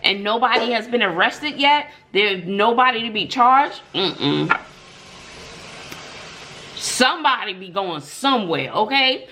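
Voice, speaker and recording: A woman's voice: fairly high pitch, sharp tone, a little hiss or hum. Emphatic middle-aged woman, casual story time. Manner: emphatic, opinionated, with frequent "mm-mm" and rhetorical questions. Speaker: mukbang vlogger and middle school teacher telling stories. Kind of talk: casual story time and opinion talk to viewers.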